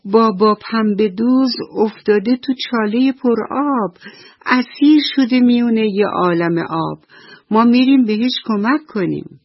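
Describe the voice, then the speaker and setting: A woman's voice: a little high, dry recording, highs cut off, pitched above the performer's own voice. A woman voicing a group of small helpful insects in a bedtime radio story, speaking in an urgent, earnest way. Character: small helpful insects, ant, beetle and spider, hurried.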